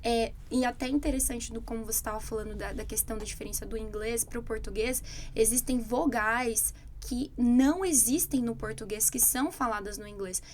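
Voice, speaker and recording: A Brazilian woman who teaches English, speaking a little higher than average. She chats casually, backs up her co-host with quick agreement, and then expands on her own points. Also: darkish tone, a little hiss or hum. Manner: agreeable, frequent short affirmations. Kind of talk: casual podcast chat.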